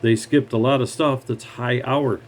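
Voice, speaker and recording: A man's voice: medium pitch, fairly even intonation, a little slow, slight background noise. A mechanic, a man, giving blunt, heated advice in a scornful rant straight to the camera. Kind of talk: ranting advice monologue.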